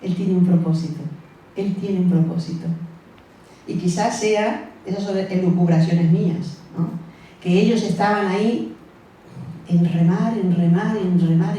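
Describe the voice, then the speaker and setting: A woman's voice: mid-range voice, dark tone, far from the mic, a little hiss or hum. Woman preaching in an echoey church hall. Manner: conversational, acts out the disciples' voices, asks the congregation questions. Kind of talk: sermon.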